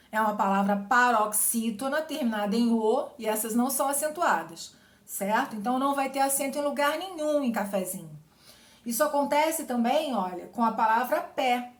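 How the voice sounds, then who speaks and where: A woman teaching spelling for exams, who explains patiently, stretches example words slowly and keeps checking with "certo?". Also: fairly high pitch. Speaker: Portuguese teacher. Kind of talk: exam-prep grammar lesson. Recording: echoey room.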